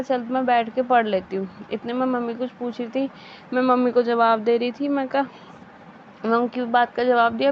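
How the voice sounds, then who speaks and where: A woman's voice: on the high side, dull audio, slight background noise. A young woman vlogger narrating her day in a chatty, amused way, with frequent fillers and restarts. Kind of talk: casual vlog voice-over narration.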